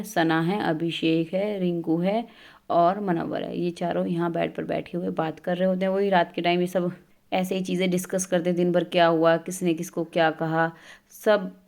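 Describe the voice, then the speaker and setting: A woman's voice: lowish voice, fairly even intonation, normal speed, creaky, a little mellow. A young woman hosting a gossip channel who recaps events in a casual, chatty way with hesitant fillers. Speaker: host of a celebrity gossip channel.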